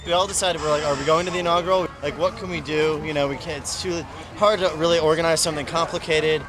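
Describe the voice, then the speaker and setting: A man's voice: a little high, steady tone, fast. A young man, a student protester, chatting casually in a street interview. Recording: outdoor street with crowd.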